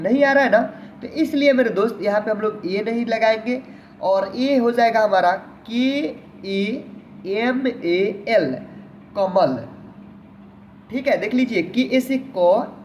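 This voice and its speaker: Slow, patient male teacher. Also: high voice, lo-fi sound, slight background noise. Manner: patient, repeats words slowly, often says "my friend". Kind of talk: online language lesson.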